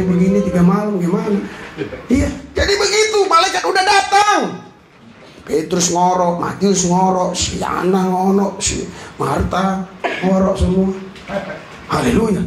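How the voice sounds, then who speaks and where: A man preaching a lively, joking sermon as a pastor, often shouting and laughing. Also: sits high. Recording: echoey hall with congregation.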